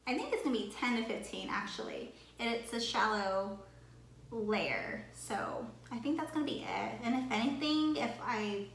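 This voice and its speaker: Bright, chatty woman in an echoey kitchen. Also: on the high side. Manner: chatty, upbeat, excitable. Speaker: cooking vlogger. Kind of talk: casual cook-along chat. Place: home kitchen. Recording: echoey kitchen with background noise.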